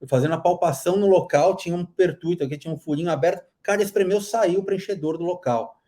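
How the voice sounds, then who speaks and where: Man, Brazilian Portuguese accent, live class instructor, blunt critical tone, dark voice. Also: high-pitched, fast talker. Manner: blunt and critical, with frequent restarts. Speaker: dental aesthetics instructor. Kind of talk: casual live class chat.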